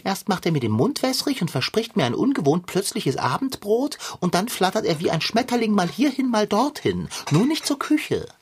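A woman's voice: mid-range voice, very animated, moderate pace, few pauses, husky. A woman voicing a pompous, greedy male tomcat, a fussy gourmand who talks in flowery, formal phrases. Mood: haughty. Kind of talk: cartoon voice acting.

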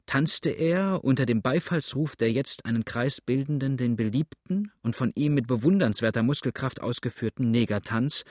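A man narrating a story in a steady, scripted reading style. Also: medium pitch, dry recording, studio quality.

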